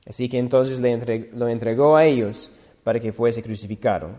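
Guy preaching, reads the bible slow and careful, mid pitch, long hall echo. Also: steady tone, dark tone. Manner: slow, deliberate reading with self-corrections. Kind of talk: sermon reading scripture aloud.

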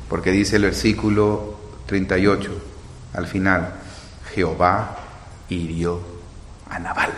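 A man's voice: lowish voice, slight background noise. A man preaching a sermon, retelling scripture and acting out the quotes with drama. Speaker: pastor. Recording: echoey hall with long reverb.

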